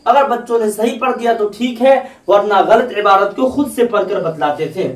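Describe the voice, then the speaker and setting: Male tutor, high voice, reads out exam answers, set back from the mic in a roomy space. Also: moderate pace. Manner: repetitive, explains each line again. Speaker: Urdu teacher. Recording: roomy, from a distance.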